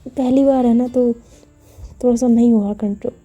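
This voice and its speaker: A woman's voice: on the high side, steady tone, moderate pace, mellow, soft background music, lightly acted. A woman voicing a lovestruck young woman who pleads and sweet-talks her partner in a spoken love story. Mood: coaxing.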